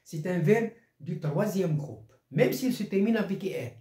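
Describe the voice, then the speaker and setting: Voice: medium pitch, lively intonation, measured pace, warm tone, reverberant. A primary school teacher explaining a grammar lesson step by step and repeating key phrases.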